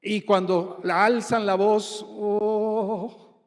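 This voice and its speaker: A Colombian man preaching a sermon with a fairly high voice and an unhurried delivery. He keeps asking his congregation questions. His voice rings out with a long reverb in a church hall. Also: animated, a little mellow. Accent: Colombian Spanish. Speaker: pastor.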